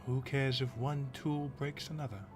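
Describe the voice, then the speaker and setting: A man's voice: mid-range voice, fairly even intonation, moderate pace, over music, pitched above the performer's own voice, natural voice. A man voicing a cold, dismissive royal mother.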